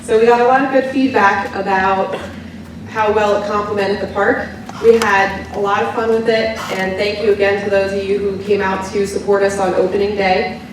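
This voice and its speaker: A woman's voice: mid-range voice, level tone, normal speed, noisy background. Woman presenter, upbeat, chatty, far mic, very echoey. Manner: upbeat, conversational with fillers. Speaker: amusement park representative. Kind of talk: presentation to enthusiasts. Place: large indoor presentation hall.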